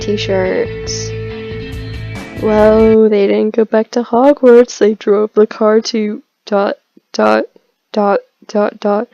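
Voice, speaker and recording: A woman's voice: medium pitch, creaky, dull audio. A young woman reads bad fan fiction aloud for comedy, breaking off into sarcastic, exasperated commentary with frequent sighs. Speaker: YouTube host reading fan fiction aloud. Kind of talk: comedic dramatic reading with commentary.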